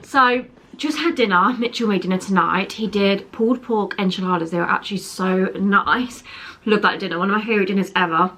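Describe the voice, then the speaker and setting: A young woman with a mid-range, somewhat bright voice speaks briskly in a casual vlog from home, indoors. She chats and rambles, self-correcting, her breath wheezy from a chest infection.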